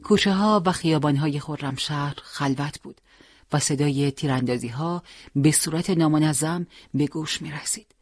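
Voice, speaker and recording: A narrator reading a war story aloud in a calm, measured way, in a dry recording. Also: medium pitch, no echo, faint music behind.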